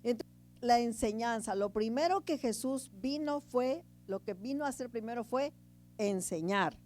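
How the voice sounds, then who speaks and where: A woman preaching a sermon in a chatty teaching tone, often checking in with the congregation and swinging between loud emphasis and quiet asides. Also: fairly high pitch, measured pace. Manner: conversational, keeps asking the congregation "right?".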